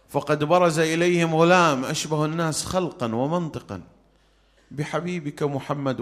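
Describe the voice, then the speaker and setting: A man's voice: medium pitch, a bit bright, pitched below the performer's own voice, lightly acted. A man voicing a grieving, prayerful elder father in a solemn, imploring tone. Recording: reverberant hall.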